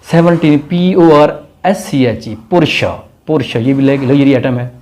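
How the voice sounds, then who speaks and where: A man hosting a pronunciation lesson, spelling each word out letter by letter and then repeating it slowly, like a teacher. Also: medium pitch, dark tone. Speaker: language teacher and channel host. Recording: roomy sound from away from the mic, faint noise.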